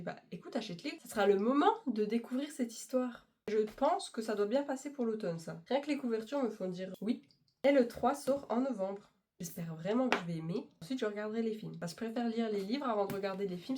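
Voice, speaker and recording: A young woman chats casually to her viewers, gushing about what she loves and teasing herself as she goes. Her pitch sits in a medium range, and she talks fast and excitedly. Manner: gushing, fast-talking, self-mocking. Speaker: book vlogger. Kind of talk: casual chat to camera.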